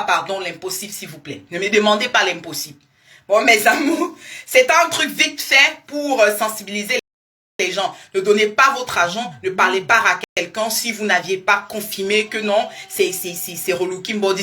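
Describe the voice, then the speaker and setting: A young woman, a weight-loss coach chatting live to her followers in a lively, repetitive, coaxing way. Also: medium pitch. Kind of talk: casual live-stream talk to followers.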